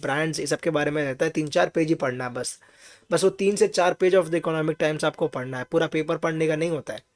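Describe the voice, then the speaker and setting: High-voiced man teaching a class. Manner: explains patiently with rhetorical questions and checks on students; mixes English phrases into his talk. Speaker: finance teacher. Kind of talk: online class lecture.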